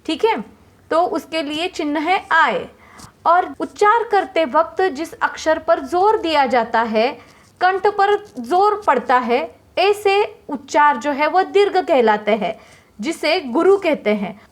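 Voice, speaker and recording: A woman's voice: high voice, animated, takes it slowly. A woman teaching Hindi poetry meter, explaining patiently step by step and repeating her points to students.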